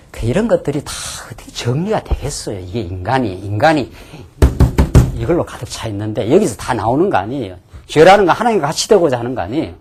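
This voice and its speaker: A man's voice: medium pitch, slight background noise. A man pastor giving a conversational Bible lecture sermon, often adding affirming asides and rhetorical questions.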